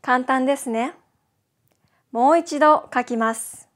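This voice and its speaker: Slow, high-voiced woman teaching. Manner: slow, carefully enunciated drilling of syllables. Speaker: Japanese language teacher. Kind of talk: scripted beginner lesson.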